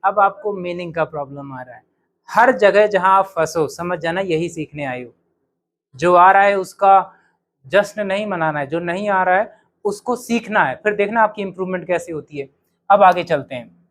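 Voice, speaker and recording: A man teaching English to a class, calling out phrases loudly for students to repeat in a drill. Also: sits high, normal speed. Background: students' voices.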